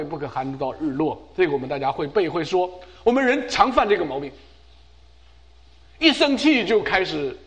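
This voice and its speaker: Lively high-voiced male pastor preaching. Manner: emphatic preaching, repeats phrases for stress. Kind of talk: sermon.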